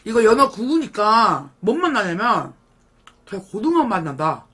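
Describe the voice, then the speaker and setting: A woman's voice: medium pitch, sing-song, moderate pace, a bit bright, husky. A young woman mukbang streamer chatting casually to her viewers while chewing with her mouth full. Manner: chatty, talks to viewers between bites. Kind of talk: casual live-stream chat while eating.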